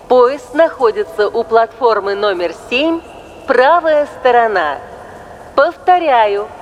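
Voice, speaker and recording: A woman reading formal train station announcements in a measured, even, official manner. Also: high-pitched, a little hiss or hum. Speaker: station announcer in a listening exercise.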